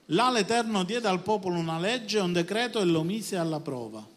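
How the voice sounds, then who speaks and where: A man preaching a Sunday sermon as pastor, swinging between quiet stretches and sudden loud bursts, often asking the congregation if they are with him. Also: high-pitched, lively intonation, moderate pace. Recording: hall reverb.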